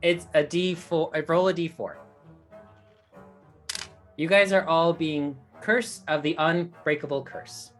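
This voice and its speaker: A woman's voice: low voice, steady tone, slow pace, pauses often, soft background music. A woman running a tabletop game as dungeon master. She talks in a rambling, playful way with lots of fillers.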